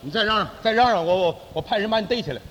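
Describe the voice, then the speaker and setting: A man's voice: high voice, animated, very fast, a bit bright, big-room sound, a little hiss or hum. A male crosstalk comedian, playing a smug, self-important fixer who boasts of connections and bosses his partner around. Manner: blustering, bossy, talks down to his partner.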